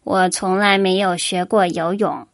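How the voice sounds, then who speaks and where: Woman doing a slow sheepish little duck. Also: steady tone, no echo, clean studio sound. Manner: slow, low, apologetic. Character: sheepish mischievous runaway duck.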